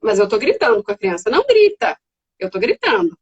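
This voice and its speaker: A woman's voice: mid-range voice, fast talker, breathy edge, highs cut off. A middle-aged woman with a Brazilian accent, a psychiatrist explaining child behaviour in a casual educational chat, often acting out children's voices. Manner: animated, acts out children's voices.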